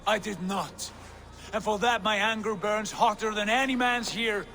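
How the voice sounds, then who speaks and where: A man's voice: high-pitched, steady tone, moderate pace, creaky, bright, forceful tone, heavily acted. A man playing a proud, fiery Viking prince in a video game, giving commanding, formal speeches to his clan. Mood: resolute. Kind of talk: dramatic video game cutscene oratory. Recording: long reverberant hall, music behind.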